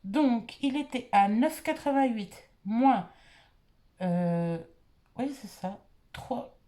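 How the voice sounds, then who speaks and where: A woman's voice: a little high, lively intonation, takes it slowly, dark tone. A married woman from France, casually reviewing beauty products she bought and thinking aloud with lots of fillers. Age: adult, married. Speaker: beauty vlogger.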